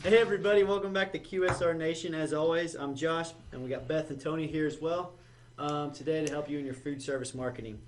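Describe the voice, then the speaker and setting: Quick-talking man hosting a podcast. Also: on the high side, music in the background. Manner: quick, relaxed, asks questions with fillers. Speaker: podcast host. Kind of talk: casual business podcast chat.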